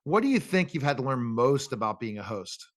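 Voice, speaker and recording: A man's voice: medium pitch, very animated, a little fast, no room sound, clean studio sound. A man hosting a casual talk interview, talkative, with rambling questions and remarks about himself.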